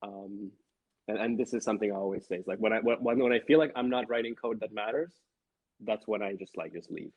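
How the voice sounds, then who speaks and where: A man from Sri Lanka, a guest developer on a casual livestream, talking with pauses and soft asides. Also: lowish voice, husky, no echo. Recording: dry lo-fi stream audio.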